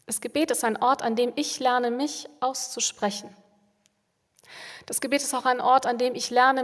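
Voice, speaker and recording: A woman speaking as a pastor in a calm, reflective way, repeating phrases for emphasis. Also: a little high. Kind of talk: spiritual reflection on prayer. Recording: long hall reverb.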